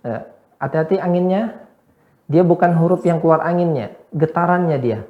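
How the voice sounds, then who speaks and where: A woman teaching Quran recitation one-on-one, patiently correcting and modeling sounds slowly. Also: lowish voice. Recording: roomy, dull lo-fi sound.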